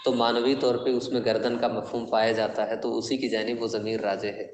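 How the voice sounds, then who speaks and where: A man with a level, slightly mellow mid-range voice guides a class through classical Arabic poetry in Urdu, one verse at a time, asking students questions along the way. There is slight background noise, and the classroom has a long, echoey reverb.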